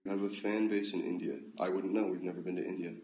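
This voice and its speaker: An American man hosting a casual phone livestream at home, reading out comments with relaxed, dry, offhand replies. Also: low-pitched, quick pace, highs cut off. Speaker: livestream host. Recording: echoey room, faint ambience.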